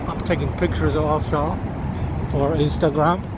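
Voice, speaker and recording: This vlogger on a city walk has a slightly high voice with fairly even intonation and a measured pace. Strolling outdoors along the river with a handheld camera or phone, he enthusiastically points things out, repeating himself and restarting phrases while sounding a bit hoarse and coughing. City noise fills the background: traffic, sirens, boats.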